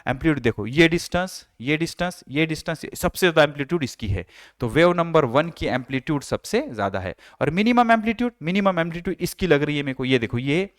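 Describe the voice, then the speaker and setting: A man's voice: fairly high pitch, expressive, fast talker, no room sound, clean studio sound. A male teacher giving a lecture, who repeats key phrases and asks and answers his own questions. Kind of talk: classroom lecture.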